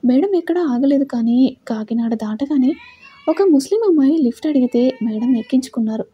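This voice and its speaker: A woman's voice: high voice, animated, fairly quick, husky, no room sound, muffled recording. A woman voicing a respectful man hired to follow someone, reporting back on the phone. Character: hired male tracker, deferential.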